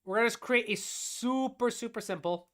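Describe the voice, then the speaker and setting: A woman with a slightly high voice explains synth sounds step by step at a moderate pace, demonstrating as she goes and posing and answering her own questions. She's a composer and music teacher giving a live-streamed music production tutorial.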